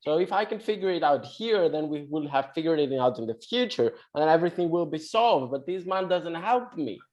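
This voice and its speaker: A man playing a confused, earnest man from the future in an improv comedy scene, talking haltingly. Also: on the high side, lively intonation, darkish tone, highs cut off, close to an everyday voice. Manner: halting, earnest, easily hurt.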